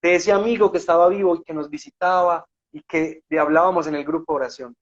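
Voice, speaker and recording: A man's voice: a little high, steady tone, quick pace, muffled recording. A man with a Colombian accent, a guest sharing a faith testimony in conversational storytelling, fervent and emotional, often checking in with his listeners.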